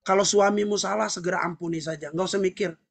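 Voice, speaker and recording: Seorang pendeta pria menyampaikan khotbah dengan penuh semangat, sering berseru dan tertawa di sela poin. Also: male voice, sits high, fast, gravelly. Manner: animated, shouting and laughing between points. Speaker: pastor. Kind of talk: sermon.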